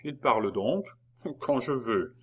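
A cold, calm male prosecutor, as a man reads him in a storybook, curt and dismissive. He talks in a mid-pitched voice with dry, doubting brevity. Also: slow, slightly rough, muffled recording.

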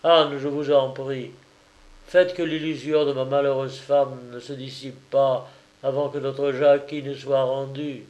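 A man's voice: mid-range voice, flat delivery, unhurried, darkish tone, close to an everyday voice, poor audio. A man voicing an anxious, devoted husband in an audiobook, speaking earnestly and pleadingly. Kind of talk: audiobook character reading.

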